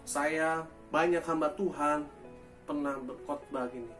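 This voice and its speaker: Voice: mid-range voice, fairly even intonation, unhurried, a bit bright, distant mic, faint music behind. A pastor preaching a sermon with emphatic rhetorical questions and apologetic asides.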